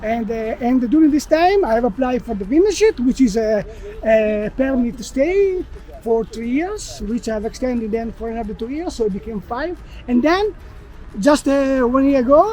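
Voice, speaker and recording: A man's voice: extremely high pitch, expressive, mellow. Italian guy speaking english, keeps restarting and hunting for words, chatting outside in a park. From Italy. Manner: halting, searches for words, frequent restarts. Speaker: guest, expat blogger. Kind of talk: casual interview while walking. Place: outdoors in a city park.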